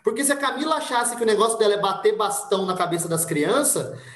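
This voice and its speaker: A man from Brazil telling a personal story in casual conversation, with lively delivery and voices acted out for the people in it. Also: sits high, fast, roomy sound. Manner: animated, acts out voices in anecdotes. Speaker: podcast guest.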